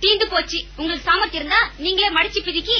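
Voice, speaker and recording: A sarcastic, fed-up housewife. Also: female voice, very high-pitched, racing, highs cut off. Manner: sarcastic, nagging retorts. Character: sharp-tongued, fed-up housewife of a broke man. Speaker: wife. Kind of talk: 1990s stage comedy audio drama.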